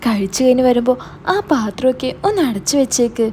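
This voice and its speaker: A woman's voice: a little high, a little fast, warm tone, slight background noise, natural voice. Woman voicing a flustered stammering mother. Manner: stammering, hesitant excuses. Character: flustered middle-aged mother, evasive.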